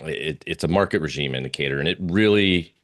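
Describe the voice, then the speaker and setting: Talking through charts as a guest oil trader, this man thinks aloud in a casual, hesitant presentation. He speaks briskly, with a very deep voice that carries a bit of brightness.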